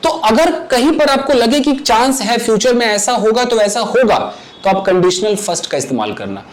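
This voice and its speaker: A man's voice: very high voice, lively intonation, moderate pace, poor audio. A man teaching English grammar to viewers in a chatty way, often checking that they understand. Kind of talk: Hindi-English grammar lesson with live demonstrations. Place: home kitchen.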